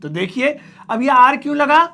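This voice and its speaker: Gravelly-voiced male English teacher, slow and repetitive. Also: extremely high pitch, animated, bright, forceful tone. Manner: patient, repeats each word slowly and spells it out. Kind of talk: spoken English lesson while writing on a board.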